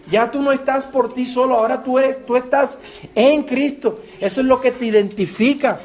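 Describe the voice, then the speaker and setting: High-voiced Puerto Rican pastor preaching. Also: male voice. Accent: Puerto Rican Spanish. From Puerto Rico. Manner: earnest preaching, repeats words, asks the congregation direct questions. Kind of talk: sermon.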